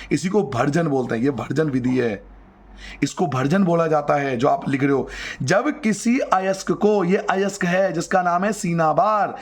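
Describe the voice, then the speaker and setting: A male teacher giving a chemistry lesson, lively and coaxing, repeating key terms and talking straight to his students. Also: fairly high pitch.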